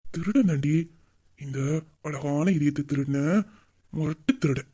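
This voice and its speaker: A performer voicing a rough, mischievous young husband who teases and pleads with his wife in an audio drama. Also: medium pitch, brisk, lightly acted. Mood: teasing. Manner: teasing and pleading, loud yelps of pain. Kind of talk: Tamil audio drama dialogue.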